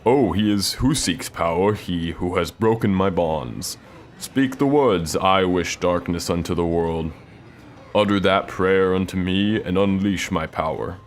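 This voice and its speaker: A towering evil serpent demon speaks slow and menacing from far below, as a man puts him on. The voice sits at the very bottom, heavy and commanding. It sounds like an ancient monster in a game tale. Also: sits low.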